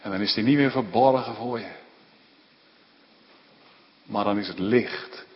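A man preaching a sermon, moving between hushed slow passages and loud impassioned climaxes. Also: fairly low pitch. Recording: dull recording in a reverberant church with faint hiss.

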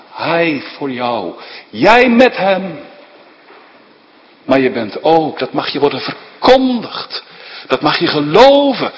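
Slow, lively male preacher in a reverberant church. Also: fairly high pitch. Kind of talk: sermon.

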